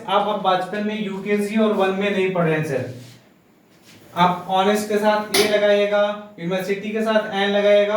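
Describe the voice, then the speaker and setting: A male English teacher. He explains grammar in a lecture, calls his students "sir" and chants the vowels. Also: high-pitched. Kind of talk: classroom lecture. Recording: very echoey room, far from mic.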